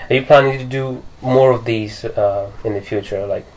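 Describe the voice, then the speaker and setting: A man's voice: medium pitch, fairly even intonation, normal speed, low-quality recording. A young man hosting a podcast, asking a guest questions attentively in a living room and backing him up with frequent murmurs. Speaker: podcast host. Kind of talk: interview questions. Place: living room with leather sofas.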